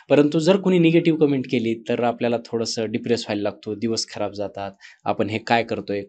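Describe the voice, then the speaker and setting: A man's voice: mid-range voice, dark tone. A man hosting an interview, asking long, thoughtful questions in casual talk.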